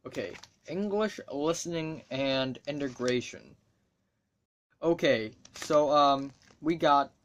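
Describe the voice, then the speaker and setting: This teen vlogger from Hong Kong, whose first language is Cantonese, has a fairly high, somewhat bright voice. He's a student chatting loosely to the camera, wandering off topic, cursing openly and tossing in dry remarks.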